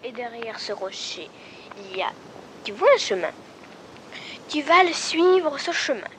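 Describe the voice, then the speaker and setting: A woman voicing a gentle doe who explains the way in a chatty, high voice. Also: very animated, unhurried, slight background noise, low-quality recording. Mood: helpful. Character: gentle doe giving directions.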